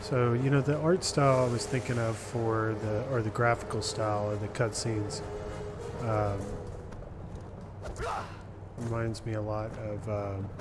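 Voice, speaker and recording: Casual male game streamer over loud music. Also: fairly low pitch, fairly even intonation, a little slow. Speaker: game livestreamer.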